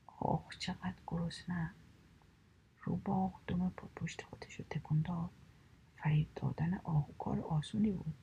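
A woman narrating a children's fable in a slow, hushed whisper. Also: on the low side, gravelly, highs cut off, slight background noise. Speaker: storyteller. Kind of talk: whispered story reading.

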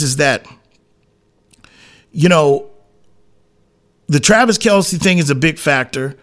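This sports talk host has a voice that's a little high with a fairly bright tone. Speaking colloquially and with plenty of slang, he bluntly and emphatically airs his opinions, repeating phrases to drive them home.

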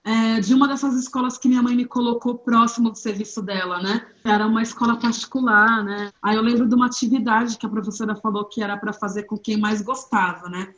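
A woman's voice: a little high, fairly even intonation, fairly quick, few pauses, a bit bright. A woman with a Brazilian Portuguese accent recalling her childhood in a reflective way, now and then acting out the voices of people she remembers. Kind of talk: personal recollection. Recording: echoey room, dull lo-fi sound.

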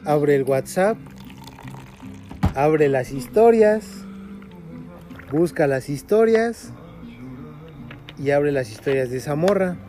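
A man's voice: on the high side, animated, slow pace, pauses often, mellow. A young man with a Mexican accent telling a personal story in casual, slang-heavy chat among friends, with lots of filler words. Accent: Mexican Spanish. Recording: music playing in the background.

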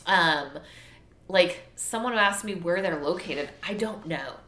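Chatty woman from texas, swears a lot, low-ish voice but bright and forceful, kinda roomy echo. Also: animated, takes it slowly. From Texas, USA. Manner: frank, chatty, swears freely. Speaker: vlogger. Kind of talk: casual chat to viewers. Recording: echoey room.

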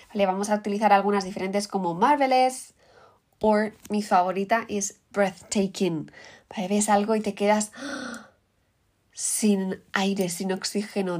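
A woman with a Peninsular Spanish accent giving an upbeat English lesson, explaining vocabulary and saying the example words in English. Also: mid-range voice. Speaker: English teacher. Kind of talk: language lesson.

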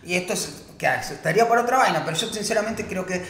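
A man's voice: high-pitched, expressive, fast, fairly bright tone. Argentine guy w a bit of venezuelan accent, rambles and restarts a lot, casual chat, echoey room. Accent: Argentine with a Venezuelan mix. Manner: rambling storyteller with many restarts.

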